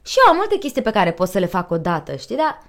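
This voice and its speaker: A woman's voice: mid-range voice, wildly swooping pitch. A woman voice actor and singer, chatting and coaching, who demonstrates voices as she explains. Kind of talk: casual chat, voice coaching.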